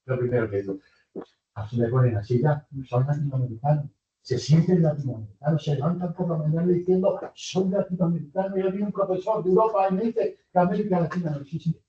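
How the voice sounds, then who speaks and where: Older professor lecturing in a hall. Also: male voice, fairly high pitch, fast. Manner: lively, rhetorical questions to the audience. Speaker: university professor. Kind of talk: university lecture. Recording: distant, roomy, muffled lecture hall recording.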